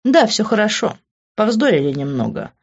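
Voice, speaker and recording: A woman's voice: mid-range voice, sing-song, normal speed, breathy edge, highs cut off, voice pushed up. A woman voicing a smug, self-assured young man.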